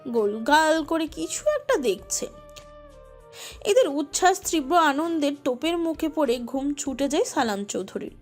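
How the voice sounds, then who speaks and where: Woman storyteller, high voice, emotive scripted narration over soft music. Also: animated, normal speed. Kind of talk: dramatic scripted narration of a romantic audio story.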